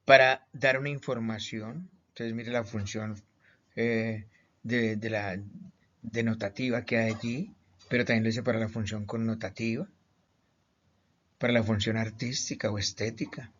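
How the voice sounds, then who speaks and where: A man's voice: lowish voice, fairly even intonation, fairly bright tone. Emphatic male teacher, muffled recording. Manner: emphatic questions, pauses, repeated words. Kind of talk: recorded online lecture. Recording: slightly muffled lo-fi audio.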